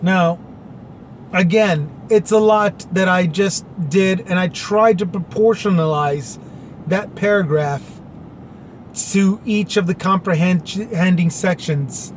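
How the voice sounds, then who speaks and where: There's a little hiss or hum as a male commentary vlogger with a high voice slowly reads a government order. He sarcastically paraphrases it in plain words.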